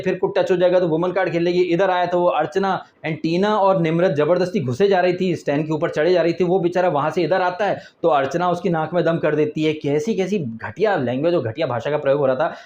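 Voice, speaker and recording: A man giving a sarcastic, animated casual review of a reality TV episode. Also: sits high, dull audio. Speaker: TV show reviewer.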